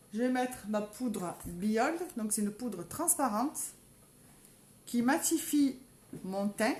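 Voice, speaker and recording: A chatty woman with a singsong southern French accent, talking her viewers through a live makeup tutorial and addressing them over and over. Her voice sits fairly high. The room echoes around her, with faint ambience behind. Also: darkish tone, a little hiss or hum. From south of France. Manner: chatty, keeps calling out to viewers. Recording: roomy echo, faint background ambience.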